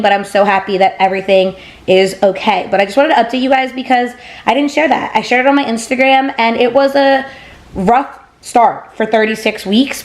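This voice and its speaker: A woman's voice: on the high side, reverberant, rough recording. A young woman talking casually to camera in a vlog, gushing and filling her talk with "like" and "literally". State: tearful, close to crying. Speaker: vlogger.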